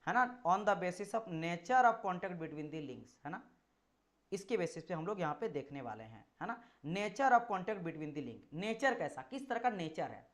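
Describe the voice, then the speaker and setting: A man's voice: sits high, very animated, unhurried. A man teaching an engineering exam class. He repeats his points, mixes English technical terms into his explanations and keeps asking whether the students have understood. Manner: repetitive, checks understanding with rhetorical questions; demonstrates with objects at hand. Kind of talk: classroom lecture.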